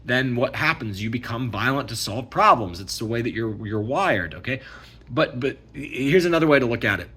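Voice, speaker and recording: Husky, emphatic man ranting to camera. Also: medium pitch, expressive, normal speed, sharp tone. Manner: emphatic, repetitive, keeps asking "okay?". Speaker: vlogger. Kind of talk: casual ranting monologue.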